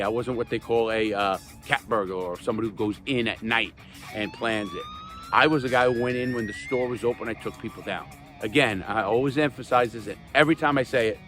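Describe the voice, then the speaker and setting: This older man hosts a crime stories channel and speaks to viewers spontaneously, emphatic and sincere, repeating himself for emphasis in simple terms. His voice is mid-range with a fairly bright quality.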